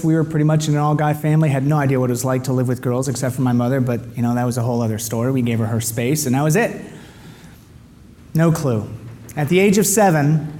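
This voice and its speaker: Brief: frank male testimony speaker, mellow voice, long hall reverb with faint background noise. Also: a little high. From United States. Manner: candid, confessional. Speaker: guest speaker at a men's gathering. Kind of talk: personal testimony and prayer.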